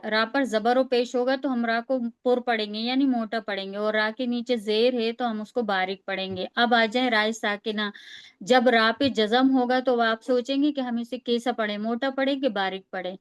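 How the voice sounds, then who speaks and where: A woman's voice: fairly high pitch, clean tone, poor audio. A woman teaching a Quran reading lesson over a video call. She explains step by step and keeps checking that her student understands.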